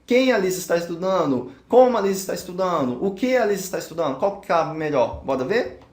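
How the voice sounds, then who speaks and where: High-voiced Brazilian man teaching grammar. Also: lively intonation, fairly quick, darkish tone, echoey room. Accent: Brazilian Portuguese. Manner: steps through each answer aloud, checking it. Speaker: English teacher. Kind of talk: explaining a grammar exercise.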